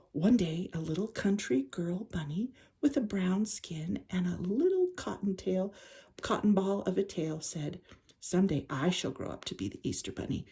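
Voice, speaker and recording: An older woman with a husky, breathy, lowish voice reads a children's story aloud, taking her time and reading expressively.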